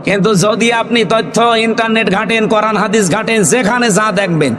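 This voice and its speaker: Booming high-pitched Bangladeshi male preacher, heavy reverb. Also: normal speed. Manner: booming, forceful oratory, prompting listeners with questions. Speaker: Islamic preacher. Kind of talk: waz sermon to an audience. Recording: long reverb of a PA system.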